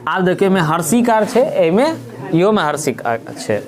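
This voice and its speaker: Male teacher with a Maithili accent, slightly high voice, patient step-by-step grammar lesson. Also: very animated, moderate pace, crowd noise. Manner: explains step by step, asking and answering his own questions. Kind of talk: grammar lesson for school students.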